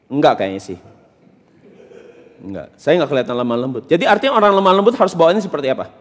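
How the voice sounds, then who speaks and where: High-voiced preacher in a reverberant hall. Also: male voice. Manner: questions the congregation directly, teasing and emphatic. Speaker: pastor. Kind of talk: interactive sermon. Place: church hall during a service.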